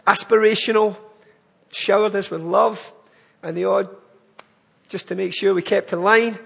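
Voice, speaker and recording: A high-pitched man with a gravelly, breathy edge speaks in a large church hall. He's a charity speaker from Glasgow, Scotland, with a Glaswegian accent, making an earnest appeal directly to the congregation.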